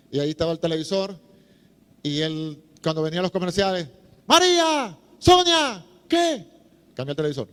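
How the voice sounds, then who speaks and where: Middle-aged male preacher, chatty and humorous, resonant and slightly high, echoey hall. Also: clear, resonant tone. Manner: chatty, humorous, acts out voices. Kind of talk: sermon-style teaching talk.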